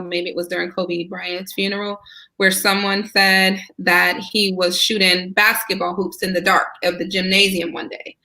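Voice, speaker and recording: A woman's voice: on the low side, gravelly, bright, forceful tone. A woman guest in a casual interview, talking eagerly and at length, often checking in with "right?". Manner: enthusiastic, talkative, asks rhetorical "right?". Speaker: guest, Senate candidate.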